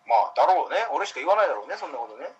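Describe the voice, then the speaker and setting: A young man co-hosting a podcast in casual chat, teasing in a dry, deadpan way. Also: fairly high pitch, rapid-fire. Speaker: podcast co-host. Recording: dull lo-fi sound.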